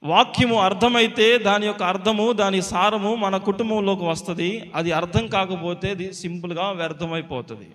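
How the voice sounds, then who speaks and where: A man preaching a sermon as pastor, slow and emphatic, repeating phrases for weight. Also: high voice, fairly bright tone, big-room sound.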